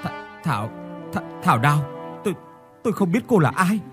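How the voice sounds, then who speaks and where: A man's voice: on the high side, big pitch swings, normal speed, fairly bright tone, faint music behind, voice pushed up. A man voicing a frightened, guilty young husband who stammers in panic. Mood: panicked.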